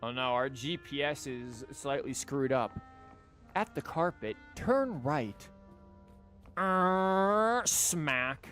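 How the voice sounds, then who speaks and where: A streamer plays a video game while giving casual live commentary full of jokes and swearing, with game music behind him. His medium-pitched voice is a bit bright, with lively intonation and a slow pace.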